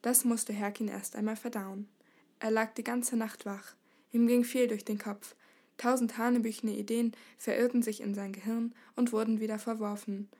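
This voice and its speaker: Lady reading a kids' story out loud, lively, fairly high voice. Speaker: narrator.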